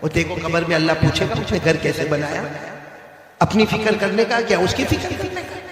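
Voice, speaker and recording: A male preacher giving an emotional religious sermon, swinging from hushed storytelling to shouted, high exhortations and calling on the crowd to answer back. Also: brisk. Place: large hall with a gathered audience. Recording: very echoey, long hall reverb.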